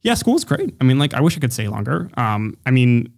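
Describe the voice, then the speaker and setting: A young man, a podcast guest, telling his story in a quick, loose way, full of "like", on a studio mic. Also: medium pitch, big pitch swings, creaky, darkish tone. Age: young adult. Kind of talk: casual podcast interview. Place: office studio, indoors. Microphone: studio mic on boom arm, headphones.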